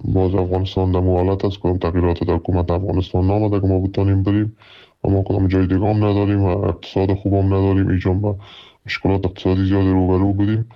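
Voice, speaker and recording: A man with an Afghan Dari accent speaks in a very deep, level tone. He is a refugee speaking plainly and with worry, his voice run through a disguising alteration. The recording sounds dull and lo-fi. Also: completely flat delivery. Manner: worried, plain spoken. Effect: voice altered for anonymity.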